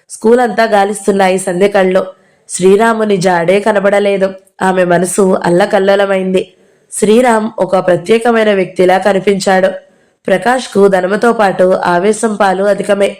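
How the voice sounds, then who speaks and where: A woman's voice: medium pitch, darkish tone. A woman narrating a novel as an audiobook reader, reading all the characters' lines herself.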